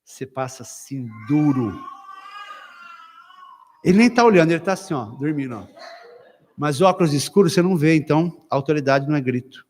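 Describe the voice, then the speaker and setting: Animated pastor preaching in a reverberant hall. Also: male voice, fairly high pitch, a little fast, long pauses, a little hiss or hum. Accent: Brazilian Portuguese. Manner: animated storytelling with acted quotes and sudden loud bursts. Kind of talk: lively sermon at a couples' retreat. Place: church hall.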